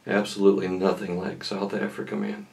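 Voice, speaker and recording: A man in his forties with a lowish voice talks casually as the host of a hunting vlog. His delivery is halting and full of awe. The sound is a little distant, picked up by a camera mic in the field. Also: level tone, vocal fry, a little mellow, slight background noise. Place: hunting blind and outdoor bushland.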